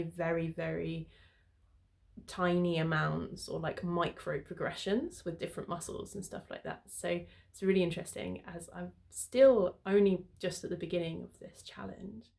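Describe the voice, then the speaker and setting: A woman's voice: on the low side, moderate pace, vocal fry, darkish tone. Chatty woman vlogger, upbeat and casual, recorded at home. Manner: chatty, upbeat, laughs often. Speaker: fitness vlogger. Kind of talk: casual vlog chat. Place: home, indoors.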